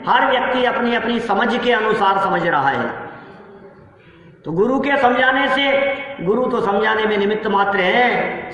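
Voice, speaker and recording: A man's voice: high-pitched, a bit bright. A man giving a religious sermon who keeps putting rhetorical questions to his listeners. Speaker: Jain preacher. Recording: echoey hall, dull sound.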